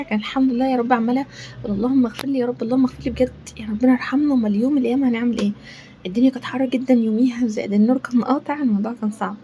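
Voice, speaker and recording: In a mellow, slightly high voice, an Egyptian-accented woman makes casual conversation while cooking at home, wandering from topic to topic with frequent pious asides. A little hiss or hum can be heard.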